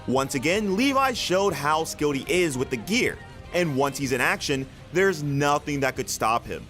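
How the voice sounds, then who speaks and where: A man's voice: fairly high pitch, expressive, normal speed, a bit bright, faint music behind. A man reading scripted countdown narration for a video list.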